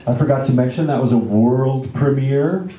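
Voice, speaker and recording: A man with a mid-range voice speaks at normal speed, casually and wryly introducing a live staged reading to an audience with a theatrical flair. The recording, made in an indoor library event room, is muffled and echoey, with crowd noise.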